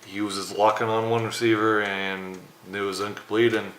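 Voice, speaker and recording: A young man talks sports in a low voice with a bright, forceful edge, halting and full of fillers. He sounds downcast after a loss. The recording is roomy and echoey with faint noise behind. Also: flat delivery. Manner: subdued, halting, many fillers. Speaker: sports show co-host. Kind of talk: casual sports talk.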